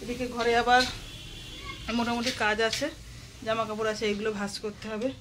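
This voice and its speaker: A woman with a slightly high voice and flat delivery talks a little fast as she vlogs at home. She keeps up a running commentary for her viewers while doing chores, filming on a handheld phone as she goes indoors and out, with noisy household sounds around her.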